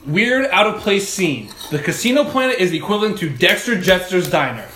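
A man's voice: high-pitched, very animated, fairly quick, pushed and bright, roomy sound. A man co-hosting a casual chat, joking and arguing his points in comic lists. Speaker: podcast co-host.

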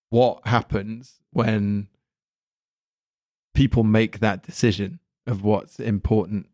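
A man chatting casually about films, relaxed and a bit halting. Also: on the low side, dry recording, clean studio sound. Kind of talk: casual film discussion.

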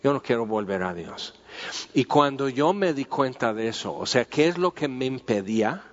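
A man's voice: mid-range voice, lively intonation, normal speed. A man teaching through a Bible passage in an informal, conversational way. He repeats himself and uses many fillers as he talks. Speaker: preacher. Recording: dull, lo-fi sound with long hall reverb.

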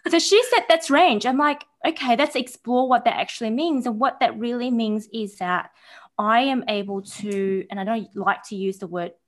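A woman in her thirties from Taiwan with an Australian-tinged accent, chatting as a podcast guest in a bubbly, animated way. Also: fairly high pitch, moderate pace. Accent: New Zealand and Australian. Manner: bubbly and animated, acting out quoted voices. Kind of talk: casual interview chat.

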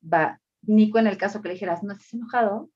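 Breathy woman on a dull lo-fi line. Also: medium pitch, quick pace, darkish tone. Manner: reflective, agreeing and adding her own examples. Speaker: mother in parenting chat. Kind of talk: casual chat.

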